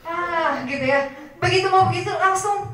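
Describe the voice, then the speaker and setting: A woman's voice: extremely high pitch, normal speed. Sundanese-accented woman preaching in an echoey hall. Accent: Sundanese-tinged Indonesian. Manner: animated, asks the audience questions. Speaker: religious teacher. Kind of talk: lively storytelling sermon. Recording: very echoey hall, far from the mic.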